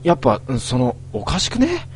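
A man's voice: sits high, huge pitch swings, normal speed, slight background noise, full character voice. A man playing a nervous young man with a strong sixth sense, hesitant and uneasy.

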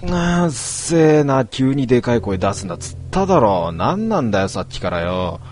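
A man playing a rough young man who talks in blunt, gruff slang. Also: medium pitch, sing-song, normal speed, a little mellow, a little hiss or hum, lightly acted.

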